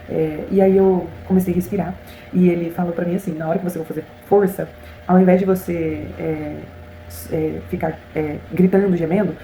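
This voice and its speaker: A young Brazilian woman vlogger telling a personal story in a chatty, animated way, often addressing her viewers directly. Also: on the low side. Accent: Brazilian Portuguese. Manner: animated, chatty, frequent "gente" and "né" asides. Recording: echoey room with faint hiss.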